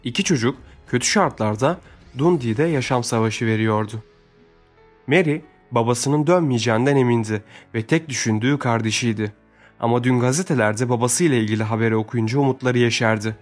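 Measured male audiobook narrator. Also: mid-range voice, faint music behind.

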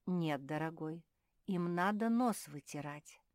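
A woman voicing a patient, wise owl detective in a children's storybook, with a calm, gently firm teaching manner. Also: sits low, slow, no room sound, studio quality.

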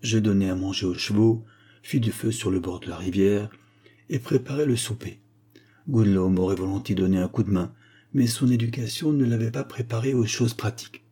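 A man reading a short story aloud as narrator, in a measured storytelling manner. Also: lowish voice, mellow, breathy edge. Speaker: audiobook narrator. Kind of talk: scripted narration.

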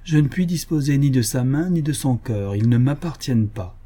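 A patient country doctor, kind but unbending, voiced by a male audiobook reader in a mellow, husky, steady tone. He turns down demands in a measured, gentle way, a storybook figure of quiet firmness. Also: medium pitch. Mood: calm, firm. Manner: gentle, measured and firm refusals.

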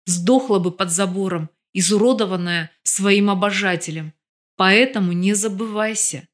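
A woman's voice: medium pitch, moderate pace, close to an everyday voice. A woman voicing a menacing middle-aged male crime boss who hisses cold threats in an audiobook.

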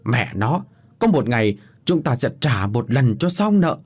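A man voicing a bitter, shrewd young farmhand in a spoken story, gruff and husky. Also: medium pitch, very animated, a little slow, darkish tone, full character voice. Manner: gruff, scolding.

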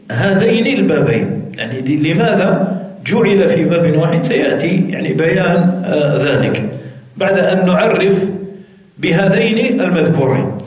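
Male fiqh teacher, high lively voice, repeats and quizzes students, very echoey room. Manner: repeats key phrases, asks the class questions, many hesitations. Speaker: Islamic jurisprudence teacher. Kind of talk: lecture explaining a classical text.

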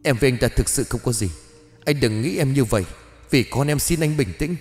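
A man's voice: on the high side, moderate pace, a little mellow, echoey room, in a large hall, faint music behind, pitched above the performer's own voice, close to an everyday voice. A man voicing a desperate young wife who begs her husband to spare her. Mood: pleading. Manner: begging, tearful.

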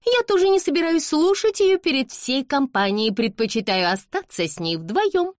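A woman's voice: high-pitched, sing-song, moderate pace, no room sound, clean studio sound, voice pushed up. A woman voicing a haughty, spoiled young society beauty who mocks and gives orders in an audiobook. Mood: commanding. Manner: imperious, mocking, commanding.

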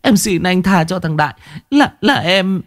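A man's voice: high-pitched, lively intonation, measured pace, voice pushed up. A man voicing a pleading young woman, an unfaithful wife who stammers and sobs as she begs. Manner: stammering, begging. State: sobbing.

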